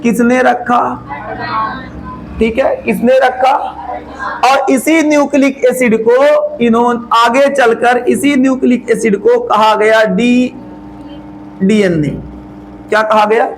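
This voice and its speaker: A man's voice: extremely high pitch, fairly even intonation, a little hiss or hum, poor audio. A male biology teacher, lecturing a class and answering his own questions with folksy asides. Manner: asks and answers his own questions, drawls key words slowly.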